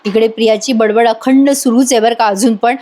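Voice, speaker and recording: A woman's voice: on the high side, fairly even intonation, fairly quick, warm tone. A woman narrating a voice-over recap of a TV serial, chatty and enthusiastic, talking straight to viewers.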